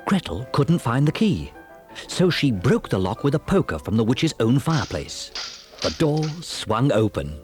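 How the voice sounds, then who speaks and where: A man narrating a children's fairy tale on a storybook cassette with an expressive, dramatic delivery. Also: medium pitch, a little slow, music in the background.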